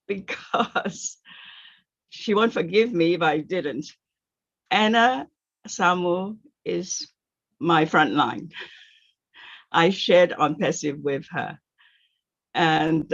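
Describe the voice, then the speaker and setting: A woman in her sixties from Singapore speaking in a halting way on a video call, with many fillers and nervous giggles. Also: lowish voice, fairly bright tone. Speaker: meeting participant. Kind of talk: casual testimony. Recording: muffled lo-fi call audio.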